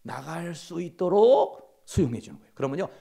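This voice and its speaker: A middle-aged man giving a counseling lecture at a seminary, telling stories and acting out quoted lines in hushed voices. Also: sits high, big pitch swings, a little fast.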